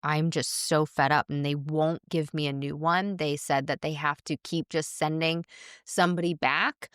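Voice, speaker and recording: A woman's voice: sits low, fairly even intonation, a bit bright, clear, resonant tone, dry recording, studio quality. A woman podcast host telling a story in a chatty, exasperated way and quoting the people she dealt with. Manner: chatty, exasperated, quotes others in quick asides. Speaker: podcast host and running coach. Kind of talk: casual storytelling monologue.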